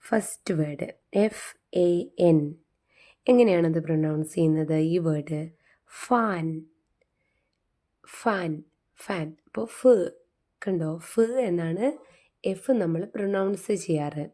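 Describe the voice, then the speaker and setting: Patient woman teacher, slow and low-pitched, spells and repeats words for learners. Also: dark tone. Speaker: English phonics teacher. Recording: faint music behind.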